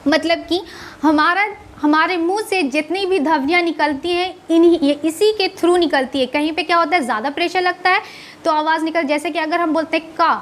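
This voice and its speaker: A woman giving a grammar lecture, asking the class questions and answering them herself, often adding a tag question, and drawing out sounds slowly to show how they are said. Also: very high voice. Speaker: Hindi grammar teacher.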